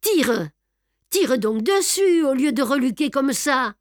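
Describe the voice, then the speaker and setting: A woman reading aloud and voicing an old, furious male police inspector who shouts his orders. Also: mid-range voice, animated, a little slow, no room sound, clean studio sound. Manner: shouting, gruff, raging. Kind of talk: audiobook reading.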